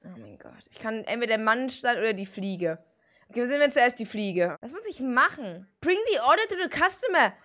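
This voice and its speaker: A young woman streaming a game, commenting excitably and often breaking into shrieks and exclamations. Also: fairly high pitch, fairly quick.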